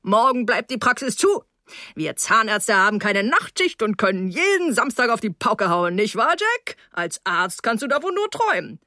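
A man's voice: high-pitched, very animated, normal speed, bright, forceful tone, no room sound, heavily acted. A woman voicing a boisterous middle-aged male dentist who plays the hearty, chummy host, in a dry audiobook reading. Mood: jovial.

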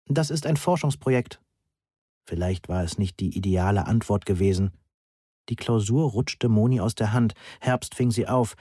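A man reading a novel aloud in the first person in an even, measured way. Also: lowish voice, husky, no echo, studio quality. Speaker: audiobook narrator.

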